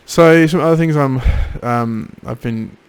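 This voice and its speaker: A man records a casual diary while recovering from throat surgery. His mid-pitched voice is gravelly with fry. He sounds tired and drowsy, with little energy in his delivery. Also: a little slow, no echo. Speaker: patient keeping a recovery video diary. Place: home office.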